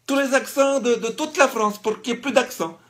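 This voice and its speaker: Man doing a mocking put-on accent, pitched well above his own voice, sarcastic, exaggerated. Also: brisk, fairly bright tone.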